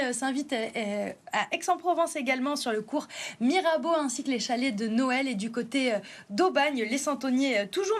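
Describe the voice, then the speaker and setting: High-voiced woman giving playful tips. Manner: playful, quizzing with riddles, laughing. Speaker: culture columnist. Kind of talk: TV culture segment. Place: TV studio set.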